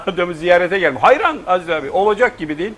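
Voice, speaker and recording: A man's voice: high voice, expressive, fast talker, a little hiss or hum. A man with an Aegean Turkish accent telling funny anecdotes in casual chat, laughing often and mimicking regional speech. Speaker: guest storyteller.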